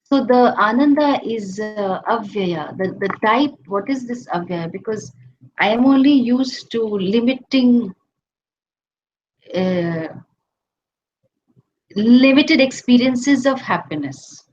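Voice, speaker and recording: A woman's voice: on the high side, lively intonation, slow pace, long pauses, a little mellow. Indian woman teaching, hesitant and chatty. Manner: hesitant, many fillers, acts out quoted voices. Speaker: spiritual teacher. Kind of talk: conversational scripture lecture. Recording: slightly dull recording with faint hiss.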